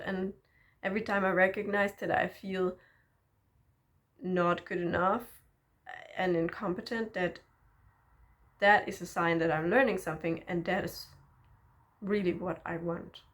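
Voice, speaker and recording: In a calm, slow delivery with a mid-range pitch, a woman of Danish first language addresses the camera about self-development. Encouraging and thoughtful, she stops occasionally to check in using a gentle questioning tag.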